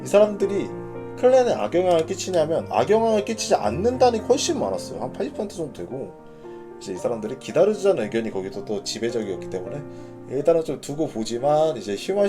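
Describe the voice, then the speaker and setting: Speaking at a medium pitch, a man who leads a gaming clan runs a casual announcement broadcast, going through his notes and talking them over as he thinks aloud.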